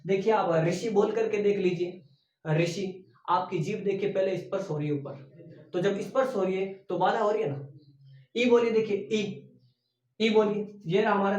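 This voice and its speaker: A male teacher with a high voice gives an exam-prep lecture and keeps echoing his own questions back to the class. He sounds set back from the mic, and the recording is dull and roomy. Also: a little mellow. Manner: repeats key words as questions to the class. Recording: echoey room, voice from a distance, dull sound.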